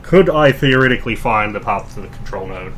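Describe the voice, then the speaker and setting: A man's voice: fairly low pitch, lively intonation, brisk, fairly bright tone, slight background noise. A man playing a tabletop game, chatting casually and hesitantly as he thinks through his moves. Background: music.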